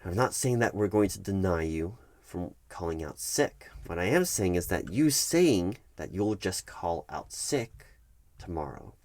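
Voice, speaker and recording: Playing a strict, by-the-book HR manager for a one-sided ASMR roleplay, a man speaks in a low, darkish voice with big swings in pitch. His explanations are measured and officious, marked by halting emphasis, and the recording has no echo.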